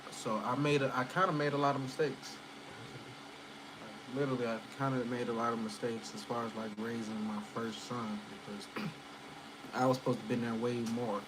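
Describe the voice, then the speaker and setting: There's background noise as this medium-pitched man, a channel host in his early thirties, chats loosely with viewers from home. The casual livestream talk rambles, thick with fillers and swearing.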